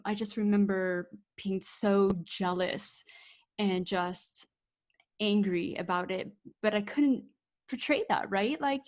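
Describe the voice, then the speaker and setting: A woman's voice: medium pitch, no echo. A woman co-hosting a podcast, talking candidly and emotionally, swearing casually. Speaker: podcast co-host.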